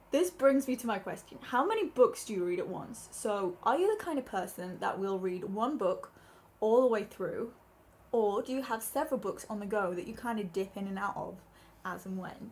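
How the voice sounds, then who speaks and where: A young woman talks casually to her laptop camera from her room at home, sitting right up against the built-in mic. She rambles in a chatty, self-deprecating way, with plenty of fillers and small laughs. It sounds like an easygoing book vlog. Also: medium pitch. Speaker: book vlogger. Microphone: built-in laptop mic, sitting very close.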